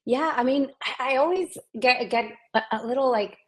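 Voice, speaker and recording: A woman's voice: high voice, moderate pace. A woman in her forties from Ecuador, a physician scientist speaking as a guest in a casual interview, enthusiastic and given to restarting her sentences. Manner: restarts often, animated and enthusiastic.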